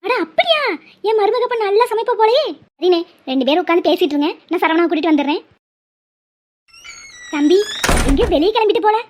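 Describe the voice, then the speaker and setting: A woman's voice: very high voice, expressive, a little fast, long pauses, darkish tone. A woman voicing a stubborn, emotional middle-aged cartoon mother who pleads and guilt-trips. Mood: pleading. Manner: pleading, melodramatic, guilt-tripping. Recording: muffled lo-fi audio.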